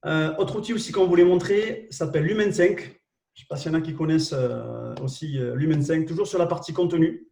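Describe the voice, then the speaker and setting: Co-hosting a live webinar, a man with a southwest French accent presents marketing tools, speaking hesitantly with lots of fillers and repeats and often checking in with listeners. His voice is a little high, gravelly and darkish, fairly quick, and sounds reverberant and far from the mic.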